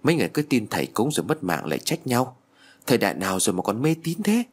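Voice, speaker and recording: A man's voice: mid-range voice, big pitch swings, fast, breathy edge. Man doing a sarcastic skeptical nurse. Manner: sarcastic, scornful.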